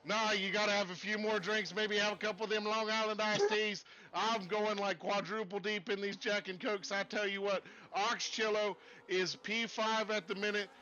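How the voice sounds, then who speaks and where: A man commentating a sim race in a put-on Texas accent, folksy and excitable. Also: high voice, moderate pace, few pauses, lo-fi sound.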